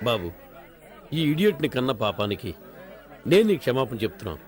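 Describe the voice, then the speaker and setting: An actor playing an excitable middle-aged father in a comic film scene, scolding and pleading in frantic repetitions. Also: medium pitch, brisk, a faint crowd, close to an everyday voice.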